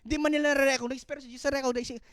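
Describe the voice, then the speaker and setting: A Filipino woman delivers a sermon in a high, bright voice, and the sound is dry and close. She swings from loud exclamations to hushed storytelling, calling out "Amen" to her listeners. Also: fairly even intonation, very fast, no echo. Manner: mixes English into her preaching, calls out "Amen". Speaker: preacher.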